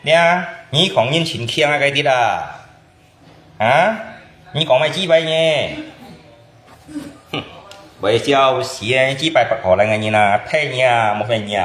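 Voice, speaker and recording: Casual guy from indonesia just chatting, mid pitch, lots of quick questions, echoey room. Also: fairly bright tone. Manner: chatty, often asks back with short questions. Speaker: channel host. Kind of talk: casual chat. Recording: roomy echo.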